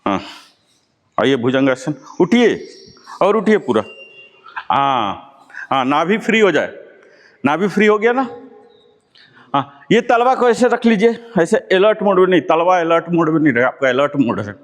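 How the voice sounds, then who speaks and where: Man, yoga instructor, encouraging, lively pitch, big hall reverb. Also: unhurried, pauses often. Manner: encouraging, calls out breaths and poses. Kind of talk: live yoga class instruction.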